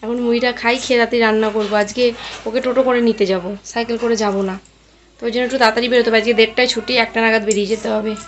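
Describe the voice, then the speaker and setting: A woman's voice: fairly high pitch, steady tone, rapid-fire, highs cut off. A mother and home vlogger telling viewers about her busy day in a chatty, rambling voice-over. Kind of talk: casual voice-over narration of a daily routine.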